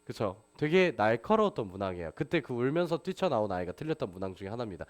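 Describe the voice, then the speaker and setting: A man's voice: medium pitch, very animated, quick pace. A man teaching a math class, lecturing and constantly asking his students rhetorical questions. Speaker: math tutor.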